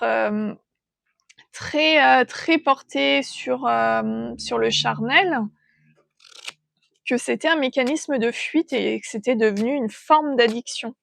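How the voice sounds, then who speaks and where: A woman giving an intuitive tarot reading, thinking aloud in a gentle, hesitant way as she feels out the cards. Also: a little high, takes it slowly, vocal fry, no echo, studio quality. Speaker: tarot reader.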